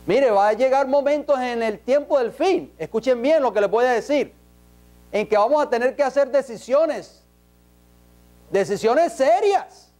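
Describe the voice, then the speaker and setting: A man's voice: very high-pitched, animated, measured pace, warm tone. A man preaching an emphatic sermon in a church, peppering the congregation with rhetorical questions.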